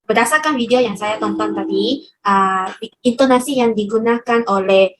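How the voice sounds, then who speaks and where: A woman's voice: a little high, normal speed, slight background noise. Hesitant woman playing a student. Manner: hesitant, with filler sounds. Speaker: student in a role-played class. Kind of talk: answering teacher in class.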